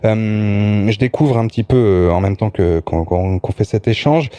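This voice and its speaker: A man's voice: fairly low pitch, moderate pace, dark tone, no room sound. A man hosting a radio interview in a casual way, hesitant with many fillers and restarts. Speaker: radio host.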